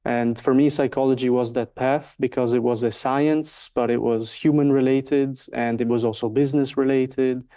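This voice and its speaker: A market researcher from Switzerland, a native Swiss German speaker in his twenties, takes questions in a casual interview. His voice is dark and mid-range with fairly even intonation, moving at normal speed with few pauses, and he answers thoughtfully amid many fillers.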